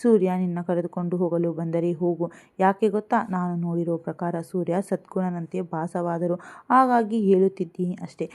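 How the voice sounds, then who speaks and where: A woman's voice: fairly low pitch, warm tone, natural voice. A woman voicing a blunt but caring young woman who gives a friend scolding, coaxing advice in a storybook reading. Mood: advising.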